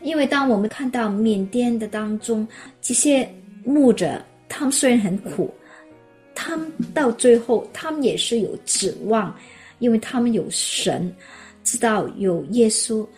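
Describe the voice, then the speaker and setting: A woman's voice: a little high, a little slow, faint music behind. Storytelling woman preacher. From Hong Kong. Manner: lively storyteller who acts out her own exclamations. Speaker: preacher sharing a testimony. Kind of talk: storytelling sermon.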